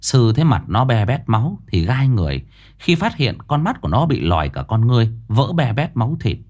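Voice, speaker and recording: A man's voice: mid-range voice, fairly quick. Man narrating a ghost story dramatically. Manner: dramatic, expressive.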